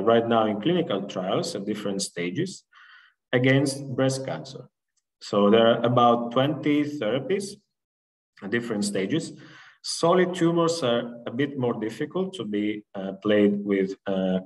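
A young adult man, an invited researcher, gives a webinar lecture over slides from an indoor room on a video call, explaining in a halting way with many fillers and restarts. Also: on the low side, low-quality recording. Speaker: invited researcher giving a talk. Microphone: video call from a laptop webcam.

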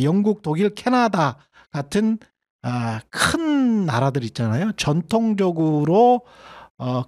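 A middle-aged man hosting a solo economics commentary, speaking conversationally with frequent fillers and self-corrections. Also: fairly high pitch. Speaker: host of an economics commentary channel.

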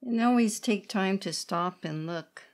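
A woman's voice: medium pitch, unhurried. A middle-aged woman teaching watercolor painting step by step, speaking unscripted in short, sparse phrases as she works. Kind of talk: unscripted step-by-step art tutorial. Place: indoor studio room at a worktable.

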